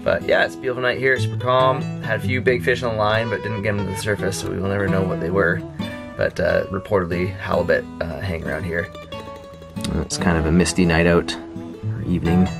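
On a sailboat at sea, a sailing vlogger in his thirties narrates casually to a handheld action camera at arm's length, both outdoors and in the cabin. His low, brisk voice has vocal fry, and he rambles in a relaxed way with lots of ums. Background music plays over the outdoor audio.

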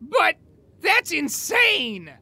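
An actor playing a bratty, loud, syrup-obsessed young man in a comedy radio play, whiny and boastful. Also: very high voice, huge pitch swings, extremely slow, heavily acted. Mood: frantic.

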